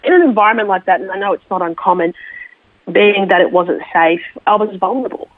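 An Australian woman, a military veteran, sharing her story slowly and reflectively as an interview guest, with many small fillers. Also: mid-range voice. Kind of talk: personal testimony interview. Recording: tinny phone line, dry.

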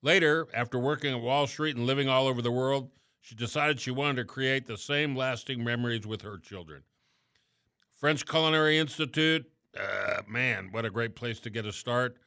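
Chatty radio host, bright dry voice. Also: male voice, medium pitch, normal speed, vocal fry, dry recording. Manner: chatty, relaxed, trailing off at phrase ends. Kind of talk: casual radio talk and interview.

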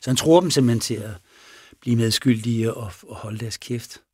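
A man's voice: mid-range voice, darkish tone, husky, dry recording, studio quality. A man retelling a crime story in a casual, rambling way, with many restarts.

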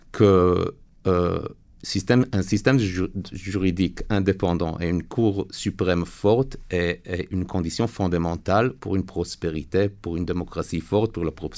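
Male interview guest, non-native French with foreign accent, very low gravelly register, earnest and halting delivery. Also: darkish tone. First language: not French. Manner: earnest, halting phrasing with searching for words. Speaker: interview guest, lawyer and reservist. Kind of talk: radio interview answers.

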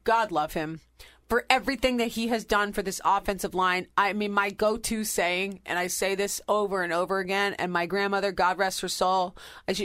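A woman's voice: medium pitch, a bit bright, clean tone. A woman hosting a sports podcast, giving emphatic, fired-up opinions in casual talk. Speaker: podcast host.

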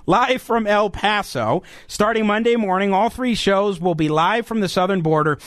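Higher-pitched American man hosting talk radio. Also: normal speed, a bit bright, no echo, studio quality. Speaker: radio talk show host. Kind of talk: opinionated talk radio monologue. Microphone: close studio radio microphone.

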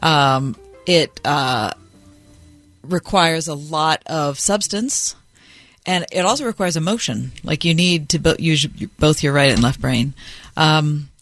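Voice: mid-range voice, slow pace, fairly bright tone, dry recording, faint music behind. A radio co-host talking casually on a show.

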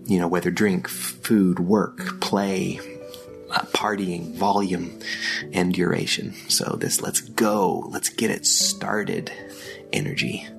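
A man with an Austrian German accent, hosting a podcast and explaining ideas slowly and thoughtfully, with frequent fillers. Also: low-pitched, lively intonation, gravelly, music in the background. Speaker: podcast host. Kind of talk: solo podcast teaching.

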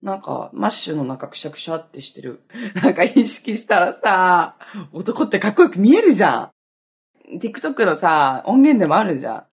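A woman's voice: on the low side, very animated, normal speed, husky. A young woman in her twenties hosting a casual solo podcast, chatty and self-mocking, laughing often as she talks. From Okinawa, Japan. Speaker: podcast host.

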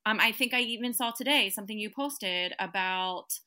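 Bright-voiced woman host asking questions. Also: mid-range voice, moderate pace. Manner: probing, casual questions. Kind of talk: interview questions.

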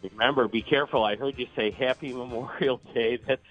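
An American man phoning in to a radio show as a business guest, making a conversational sales pitch. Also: fairly even intonation, brisk, soft background music. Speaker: business guest promoting services. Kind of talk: conversational phone-in sales talk. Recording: dull, band-limited live phone line.

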